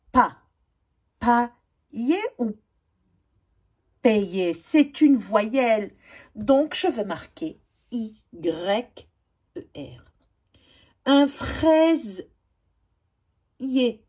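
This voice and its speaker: A woman, a teacher slowly going over spelling exercises and spelling out letters one by one. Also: fairly high pitch, a little mellow, slightly rough. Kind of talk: spelling lesson correction.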